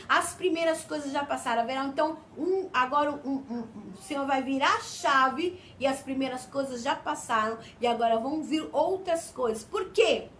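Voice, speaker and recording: A woman's voice: high voice, a bit bright, slight background noise. A Brazilian woman preaching a fervent sermon, often calling out "Amém?" to her listeners. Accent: Brazilian Portuguese.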